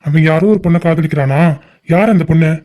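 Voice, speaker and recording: A man's voice: on the high side, quick pace, dark tone, natural voice. A man voicing a stern, scolding cartoon father. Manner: scolding, commanding. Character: stern angry middle-aged father. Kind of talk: cartoon family drama voicing.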